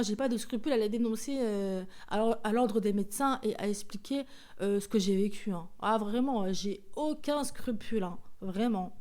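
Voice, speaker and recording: A woman's voice: mid-range voice, warm tone. A woman with a Marseille accent hosting a personal podcast monologue, outspoken and hesitant, full of fillers and restarts. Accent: Marseille French. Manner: outspoken and indignant. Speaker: podcast host.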